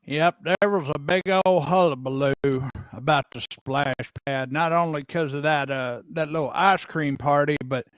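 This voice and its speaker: A man's voice: a little high, fairly bright tone, dry recording, rough recording. A man, gossiping in a folksy, dramatic, sighing way as a comedy co-host. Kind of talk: comic small-town gossip chat.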